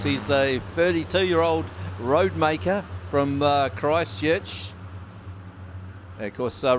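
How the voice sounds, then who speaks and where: A man calling live speedway races as commentator, excitable and quick in the action and calmer between races. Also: on the high side. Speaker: race commentator. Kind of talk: live motorsport race call. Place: outdoor speedway commentary position. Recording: loud speedway engine noise behind.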